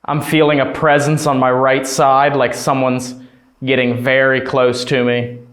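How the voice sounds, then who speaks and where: A man's voice: medium pitch, flat delivery, a bit bright. A man on a ghost hunt, uneasily describing the voices and presences he notices. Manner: slow, uneasy remarks on what he hears. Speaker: paranormal investigator. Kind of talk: reacting during a ghost hunt.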